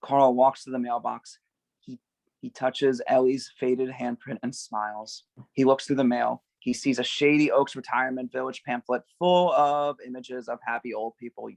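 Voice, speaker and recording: During a table read, a man narrates the screenplay's directions at a moderate pace, his tone steady and darkish. The voice is creaky and gravelly at mid pitch, recorded close and dry with no echo.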